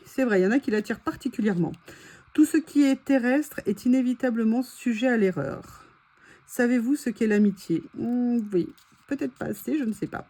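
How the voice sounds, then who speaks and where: A woman's voice: fairly high pitch, warm tone. A French woman chatting enthusiastically through a stationery haul, gushing over each item and repeating her praise. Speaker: haul vlogger. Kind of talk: casual haul chat, reading quotes aloud.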